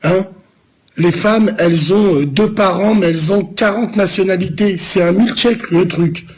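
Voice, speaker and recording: A man's voice: high-pitched, unhurried, breathy edge. A man from Lyon, France, streaming live, answering viewers in a loose, rambling, teasing way full of street slang. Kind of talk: casual live-stream chat.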